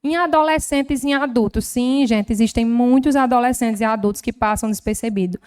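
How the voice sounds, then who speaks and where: A woman's voice: fairly high pitch, brisk, darkish tone, clean tone. A woman with a Northeastern Brazilian accent, a health professional giving an explanatory talk at a formal session, teaching patiently with many examples. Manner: didactic, explains with examples and diminutives. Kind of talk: lecture at a formal council session. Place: legislative chamber.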